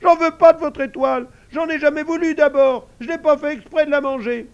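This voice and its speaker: A man's voice: steady tone, brisk, dull audio. A man reading a storybook and voicing a whiny, squealing little male pig who lies. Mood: whining. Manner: shrill, whiny, protesting.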